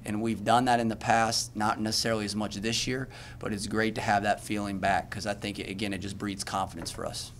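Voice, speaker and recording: Man, 30s, coach at a podium mic. Low-pitched, earnest, trips over and restarts lines, faint hiss behind. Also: fairly even intonation, fairly quick, few pauses. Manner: earnest, self-correcting, many restarts. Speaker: basketball coach. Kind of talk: postgame press conference answers. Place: press room at a podium.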